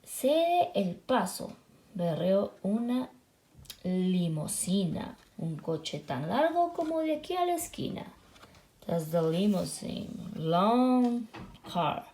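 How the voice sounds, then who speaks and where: A woman reading a picture book aloud to children, switching between two languages line by line and making lively sound effects. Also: mid-range voice, slow pace. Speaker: children's storyteller.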